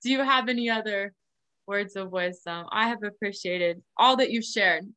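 Female faith-podcast host, mid-range voice, earnest and affirming, quick to laugh. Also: mid-range voice, bright, forceful tone, smooth. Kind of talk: casual faith conversation.

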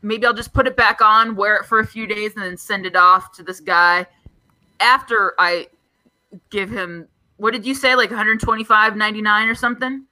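A woman's voice: mid-range voice, fairly even intonation, moderate pace, bright, forceful tone, no echo, low-quality recording. A woman in her thirties hosting a crude comedy podcast, bawdy and self-mocking, giggling often. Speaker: podcast host.

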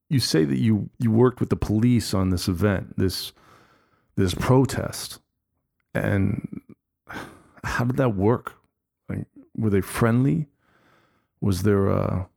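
Slow, gravelly-voiced male interviewer. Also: lowish voice, a little mellow. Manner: slow, halting, searching for words. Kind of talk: interview questions.

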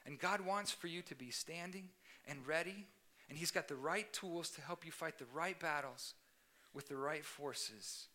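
A man's voice: a little high, a little slow, pushed and bright. A young man giving an earnest sermon as youth pastor, stressing points by repeating them. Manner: earnest, emphatic, repeats key phrases. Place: church youth service.

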